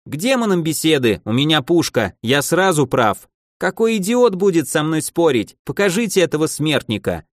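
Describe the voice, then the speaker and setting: Man voicing a boisterous old archmage, high bellowing voice, dry close audiobook sound. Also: very animated, normal speed, no room sound. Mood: brash. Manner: gleeful, bellowing, wheedling. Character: boisterous old archmage in a child's body, male.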